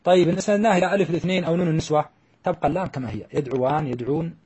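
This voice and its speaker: A man's voice: a little high, very fast, darkish tone, breathy edge. A man teaching a grammar lesson, explaining step by step and drawing out the example words.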